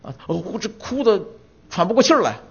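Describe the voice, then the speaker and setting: Animated man preaching, lo-fi sound. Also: high voice, a little fast, creaky, husky. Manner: animated storytelling, rhetorical questions, voice swells when emphatic. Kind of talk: sermon. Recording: dull lo-fi sound.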